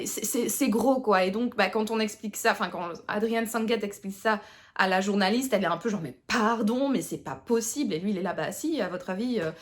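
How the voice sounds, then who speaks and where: Une jeune femme de Tournai, avec l'accent tournaisien, qui parle de ses lectures en vlog, bavarde, avec beaucoup d'hésitations et d'autodérision. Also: female voice, medium pitch, darkish tone. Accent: Tournai Picard (Belgian French). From Tournai, Belgium. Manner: chatty, many fillers and restarts, self-mocking. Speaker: book vlogger. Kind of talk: casual chat to camera.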